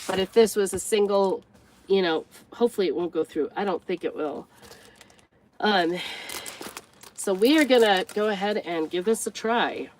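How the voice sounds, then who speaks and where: A congested older woman from the US works through a craft tutorial as a vlogger, chatting in a rambling way and thinking out loud. Her pitch sits fairly low, and a bit of hiss or hum can be heard.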